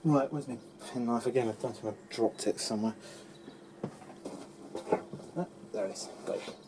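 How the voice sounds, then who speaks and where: A man's voice: mid-range voice, normal speed, background noise. Chatty man unboxing on camera. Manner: chatty, talks to the camera and the objects he handles. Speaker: unboxing vlogger. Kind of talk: casual unboxing commentary to camera.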